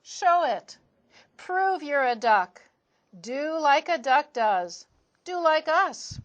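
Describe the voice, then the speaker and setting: A woman's voice: sits high, sing-song, slow pace, voice pushed up, full character voice. A woman voicing a firm, motherly female duck who coaxes and commands her ducklings in a storybook reading. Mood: commanding.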